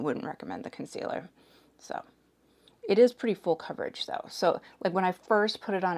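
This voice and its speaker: A hoarse woman in her forties chatting casually as she does her makeup, hedging with "like" and "sort of". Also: lowish voice, a little mellow. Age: 40s. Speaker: makeup reviewer. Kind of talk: casual chat while doing makeup.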